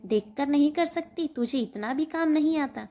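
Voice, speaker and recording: A woman's voice: high-pitched, moderate pace, dull audio, voice pushed up. A woman voicing a harsh, angry drunk husband in a told story. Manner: harsh, shouting.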